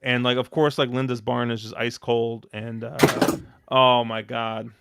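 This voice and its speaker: A man hosting a casual podcast, telling long, excitable stories full of fillers and restarts. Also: mid-range voice, measured pace, creaky, a little hiss or hum. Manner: rambling, excitable storytelling with many fillers. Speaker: podcast host.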